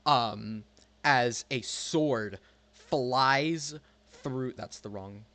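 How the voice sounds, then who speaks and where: A man narrating a tabletop role-playing game as game master, halting and suspenseful. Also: medium pitch, noisy background.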